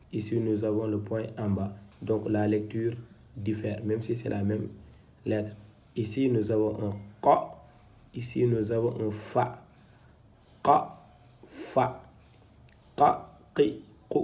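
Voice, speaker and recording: A man's voice: fairly low pitch, gravelly, warm tone. A man teaching Quran reading in French, patiently sounding out syllables one at a time. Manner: spells out syllables slowly, stressing each one. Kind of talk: slow syllable-by-syllable reading lesson.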